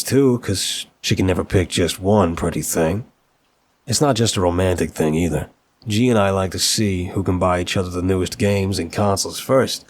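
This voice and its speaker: Speaking in a low voice, a man plays a young mafia boss boyfriend who is affectionate and apologetic, all within an intimate roleplay audio drama. He is earnest and polite, his words broken by hesitant stammers, and the feeling is tender and admiring.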